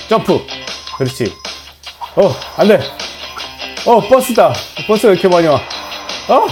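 A fairly high-voiced man gives playful running commentary over mobile games, his voice swinging wildly up and down. He yelps at every miss and cheers at every win, with game music playing clearly behind him. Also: rough recording. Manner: excitable, yelps and groans at failures, cheers at wins. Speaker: gaming channel host.

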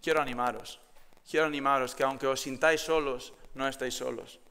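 A man's voice: medium pitch, steady tone, fairly quick, bright, forceful tone, clear, resonant tone. A young man with a Galician accent preaching a sermon in a church. He tells personal anecdotes and then presses the congregation with rhetorical questions. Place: church hall. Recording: long hall reverb.

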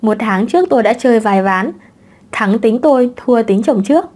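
A woman's voice: a little high, lively intonation, moderate pace, darkish tone. A woman reading a cheeky young divorced mother. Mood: teasing.

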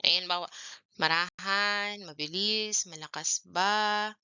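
A woman teacher giving a televised grade-one lesson, asking the children questions in an animated way and often checking in with "okay". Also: medium pitch, slow pace, clean tone, dry recording, lo-fi sound.

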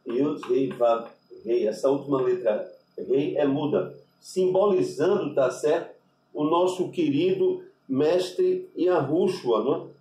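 A man with a Brazilian Portuguese accent, a rabbi giving an unscripted religious lesson, deliberate and spelling out Hebrew letters with constant tag questions. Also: fairly high pitch, mellow, recorded from a distance. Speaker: rabbi teaching Hebrew names. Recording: echoey room, voice off-mic.

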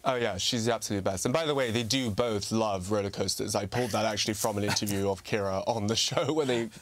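A man's voice: on the low side, fast, no room sound. A young man of half English, half American background, a comic impersonator, chatting upbeat and bubbly in an interview, laughing often.

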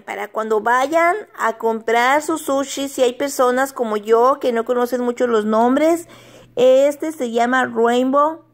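Middle-aged woman vlogger, high-pitched, unhurried, giggly and homey. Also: vocal fry. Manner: chatty, laughs often, stumbles over English words. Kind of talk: casual home vlog.

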